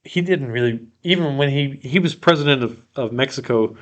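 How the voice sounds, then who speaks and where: A man's voice: mid-range voice, a little fast, lo-fi sound. A man co-hosting a podcast in casual chat, earnestly explaining points and often restarting his sentences. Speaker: podcast co-host.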